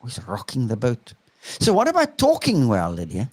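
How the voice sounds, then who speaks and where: A man's voice: medium pitch, huge pitch swings, normal speed, darkish tone, no room sound. A man from South Africa, a teacher, talking reflectively and emphatically, often checking in with "right?". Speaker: teacher and speaker. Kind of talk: reflective conversational talk.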